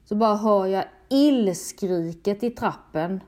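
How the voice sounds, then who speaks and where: A middle-aged woman with a mellow, darker voice recounts a frightening memory. She speaks haltingly and with emotion, often doubling back on her words as she tells her own story. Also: mid-range voice. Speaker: storyteller recounting a personal experience. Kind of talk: personal testimony.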